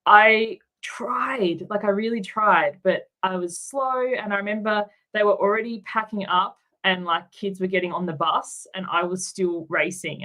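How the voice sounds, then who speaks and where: A woman's voice: medium pitch, pushed and bright, low-quality recording. A middle-aged Australian woman from Tasmania, speaking openly and reflectively as an interview guest, with frequent ums and likes. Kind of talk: candid interview conversation.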